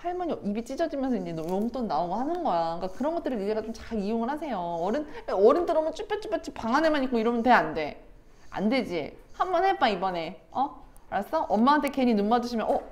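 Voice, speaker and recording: A woman's voice: on the high side, big pitch swings, fast. A woman teaching a middle school English lesson to students at home, chatty and teasing, often laughing and acting out little family scenes. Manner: laughs often while talking. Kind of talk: recorded online lesson.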